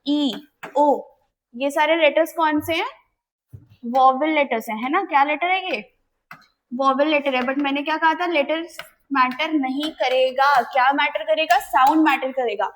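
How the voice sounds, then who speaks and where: A young woman with a high voice teaches an exam-prep grammar lesson. She keeps asking her class questions and then answers them herself. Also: a bit bright.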